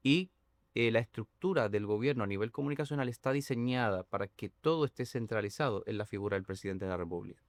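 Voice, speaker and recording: A man who is a guest on a political talk show, explaining communication strategy in a measured, analytical way with frequent hesitations. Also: on the low side, no echo. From not Dominican, living in the Dominican Republic for years.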